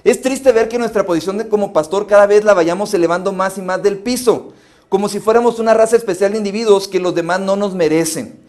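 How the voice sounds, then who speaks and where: A man's voice: high voice, a little fast, darkish tone. A Mexican man preaching at a pastors' conference, telling stories in a conversational way with many restarts. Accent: Mexican Spanish. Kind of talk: conference sermon. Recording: live phone stream of a sermon.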